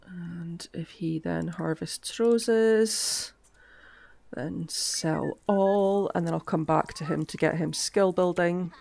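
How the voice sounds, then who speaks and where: A woman game streamer gives casual commentary, thinking aloud with soft asides as a lingering cough keeps cutting her voice out. She's on the low side, with vocal fry, and takes her time.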